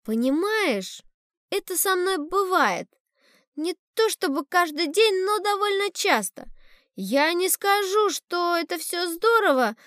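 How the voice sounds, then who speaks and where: A woman's voice: extremely high pitch, lively intonation, takes it slowly, a bit bright, no echo, studio quality, pitched above the performer's own voice, heavily acted. A woman reading a storybook voices a rambling, wistful old sailor who talks in a confiding way. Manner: rambling, confiding, calls the boy "brother".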